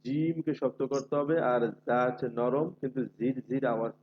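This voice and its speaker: A man teaching Quran recitation in an online class, patiently repeating letter sounds slowly for his students. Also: medium pitch, dull audio, a little hiss or hum.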